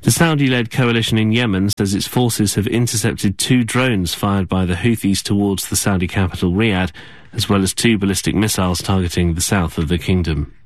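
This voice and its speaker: Deep-voiced male newsreader, dry studio. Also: dry recording. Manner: measured, formal delivery. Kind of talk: news bulletin reading. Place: radio studio.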